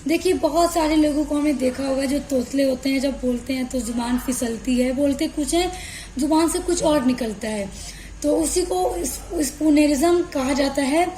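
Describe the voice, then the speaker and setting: A high-pitched woman lectures students, walking them through each point step by step and slowing right down to read English lines. The sound is roomy and echoey, with a faint hiss under her voice. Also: dark tone. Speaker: teacher. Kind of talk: lecture explaining literary terms. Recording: echoey room with faint noise.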